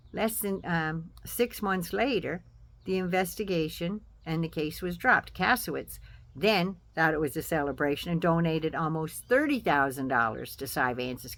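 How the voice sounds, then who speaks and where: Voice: mid-range voice, fairly bright tone. An American host giving casual political commentary in a folksy, sardonic, salty-tongued manner.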